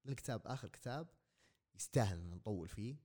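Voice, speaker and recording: Guy cohosting a podcast, talks super quick, brisk jumping in. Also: lowish voice, lively intonation, dark tone. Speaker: podcast co-host. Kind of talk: casual podcast chat.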